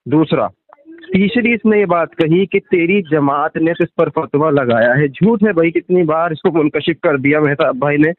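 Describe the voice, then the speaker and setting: Man rebutting fiercely over a tinny phone. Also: a little high. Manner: defiant, rebutting point by point. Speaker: religious debater. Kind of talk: heated phone argument.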